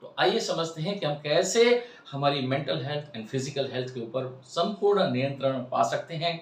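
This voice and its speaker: Older man, 60s, earnest and emphatic wellness host; fairly high voice, roomy and far from the mic. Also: animated, normal speed. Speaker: health and wellness channel host. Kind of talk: explanatory talk to camera.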